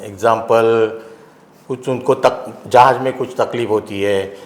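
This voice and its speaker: An older man, a union general secretary, giving blunt, halting answers in an interview and often restarting his phrases. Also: lowish voice, fairly even intonation. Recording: roomy studio echo.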